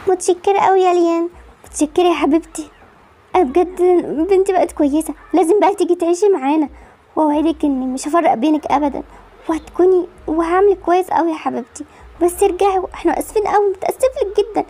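A worried middle-aged mother, voiced by a woman with an Egyptian Arabic accent, scolding and anxious by turns. She speaks very high and fast. Suited to a homemade game story video. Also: dark tone. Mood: grateful.

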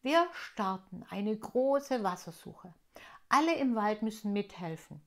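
A woman reading aloud, voicing a curious little girl elf from a children's storybook in a high, eager voice. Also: lively intonation, a little slow.

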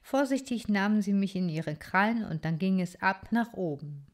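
A woman calmly reading a children's story aloud with expression. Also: medium pitch, normal speed.

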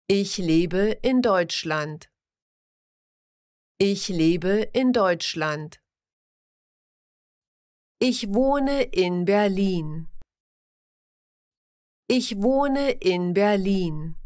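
In a slow language-lesson reading, a woman repeats each simple example sentence after saying it, taking care with every word. She has a medium pitch and a careful, evenly paced style with crisp enunciation.

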